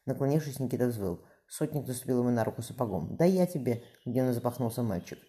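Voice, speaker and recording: An audiobook narrator reading a historical novel briskly, with occasional slips. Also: mid-range voice, dark tone.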